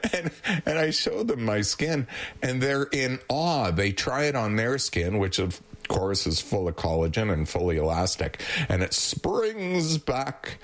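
A man's voice: mid-range voice, poor audio. A man in his seventies telling stories in a casual chat, laughing often as he goes. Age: 70s. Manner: slow, animated storyteller who laughs often.

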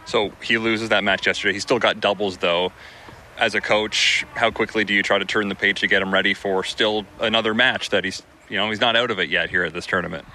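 A man hosts a radio sports show. His voice sits a little low but sounds sharp and very bright. He keeps a brisk, conversational pace. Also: fairly even intonation, slight background noise, low-quality recording. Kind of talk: radio interview and show links.

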